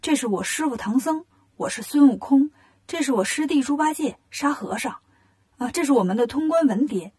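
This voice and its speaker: A woman's voice: high-pitched, lively intonation, moderate pace, a little mellow. A woman doing a clever, scheming monkey disciple. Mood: polite. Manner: confident, scheming.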